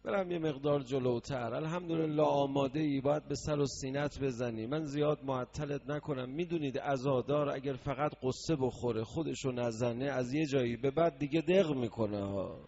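A man preaching a mourning sermon that moves from quiet explanation into loud, sung lament. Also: mid-range voice, hardly any pauses, slight background noise. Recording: dull lo-fi recording.

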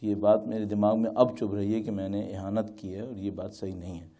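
A man's voice: lowish voice, little pitch movement, dark tone. A man giving a religious talk as a cleric, telling anecdotes with rhetorical questions and acted-out dialogue. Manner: storytelling, rhetorical questions, acts out quoted dialogue.

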